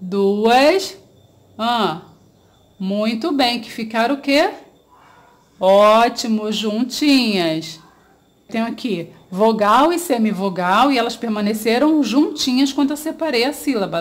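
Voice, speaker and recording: Speaking slowly and with animation in a higher voice, a Brazilian Portuguese-accented woman leads a grammar lesson for kids. She stretches her syllables, quizzes the pupils, and praises what they answer.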